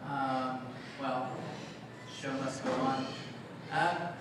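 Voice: medium pitch, fairly even intonation, extremely slow. A show co-presenter with an informal, hesitant delivery, bantering casually on stage in a comic style. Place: live bird show before an audience. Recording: very echoey venue, distant, loud noise.

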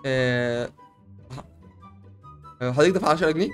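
A man with an Egyptian accent, playing a barber in a comedic game role-play, joking and stammering in quick repeats. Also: medium pitch, faint music behind.

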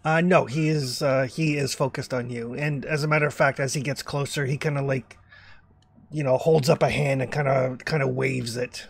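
A man's voice: mid-range voice, steady tone, normal speed, gravelly. A man narrating as game master, hesitant with lots of fillers.

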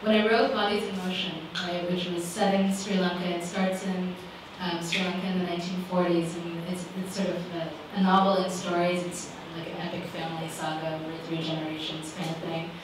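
Her voice on the low side with little pitch movement, a woman author in her forties responds briskly and with few pauses to questions at a small living-room panel. Though thoughtful, she leans on lots of fillers; the handheld microphone's sound is captured roomily by a far-off camera, with background noise.

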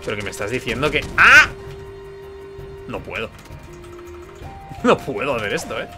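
A man gives let's-play commentary, excitable and quick to swear. His voice is bright and forceful, and it keeps repeating itself under pressure. Faint game music plays behind him. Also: mid-range voice. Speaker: gaming video host.

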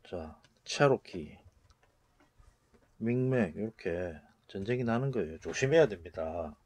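Animated man lecturing with loud bursts. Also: deep voice, measured pace. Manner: animated, acts out rough retorts with sudden loud bursts. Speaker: channel host explaining word origins. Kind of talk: casual spoken lecture.

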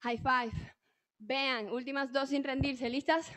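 A woman's voice: high-pitched, slow pace. A woman coaching a live online fitboxing class, calling out counts and cheering the students on. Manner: energetic, encouraging, calling out counts and cues. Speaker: fitboxing instructor.

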